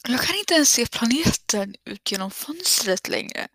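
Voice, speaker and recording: Nervous whispering woman, husky and dry. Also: fairly high pitch, very animated, fairly bright tone, dry recording. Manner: nervous, stammering, swearing under her breath. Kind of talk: whispered narration of a horror game.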